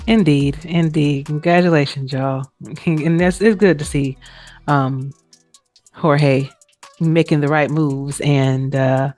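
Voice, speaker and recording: Speaking slowly in a low, steady, slightly mellow voice, a female sports show co-host who is also a player runs through an informal recap. Her phrasing is colloquial and keeps ending in a trailing "you know." Music plays behind her in an echoey room.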